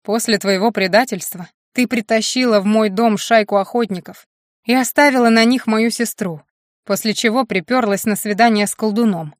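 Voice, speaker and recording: A woman's voice: fairly high pitch, moderate pace, dry recording, clean studio sound, close to an everyday voice. A woman voicing a scornful werewolf-bear man. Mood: furious. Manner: accusing, scornful. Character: angry young male werewolf bear, resentful and sneering. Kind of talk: audiobook character reading.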